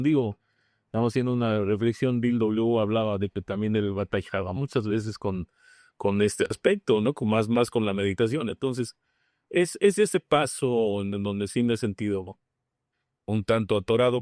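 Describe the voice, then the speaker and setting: A man's voice: fairly low pitch, a little mellow, dry recording. Middle-aged Mexican man as podcast guest, frank and colloquial, dry close sound. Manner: frank, slangy storytelling with many restarts. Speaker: guest, member of Alcoholics Anonymous. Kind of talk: personal recovery testimony in a podcast conversation.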